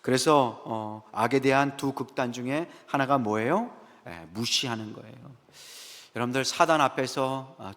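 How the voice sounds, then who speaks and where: Male pastor, sermon, mid pitch, rhetorical questions, reverberant sanctuary. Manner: rhetorical questions, frequent "예" affirmations, lively asides to the congregation. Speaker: senior pastor. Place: church sanctuary, Friday prayer service. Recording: echoey church hall.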